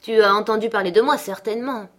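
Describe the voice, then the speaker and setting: A woman reading aloud, voicing a sarcastic, scornful middle-aged father who speaks loudly and mockingly. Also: on the low side, moderate pace, close to an everyday voice. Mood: harsh. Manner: mocking, loud and forceful.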